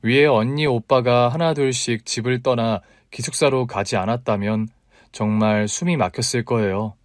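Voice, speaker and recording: Brief: male narrator, mid pitch, soft storytelling, dry close mic. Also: normal speed, no room sound. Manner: gentle, even storytelling. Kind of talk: first-person story reading.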